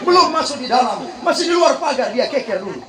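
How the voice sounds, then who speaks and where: A man with a notably high voice delivers a lively, humorous sermon, teasing his congregation and pulling them into call-and-response. He breaks into slow, melodic Quran chanting now and then. The sound is roomy and echoey, as from a PA in a large hall. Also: crowd noise. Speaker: preacher.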